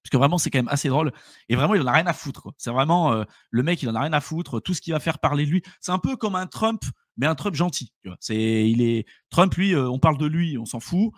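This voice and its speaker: A man's voice: on the high side, lively intonation, quick pace, no echo, studio quality. A man co-hosting a live crypto stream, telling stories in loose, slangy casual chat with lots of fillers.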